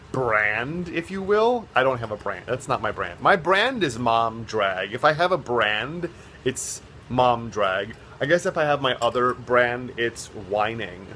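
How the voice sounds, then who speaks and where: A man's voice: mid-range voice, a bit bright, slight background noise. A man chatting casually to his vlog viewers, rambling and self-mocking as he jokes along. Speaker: vlogger, drag performer. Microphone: phone on a stand.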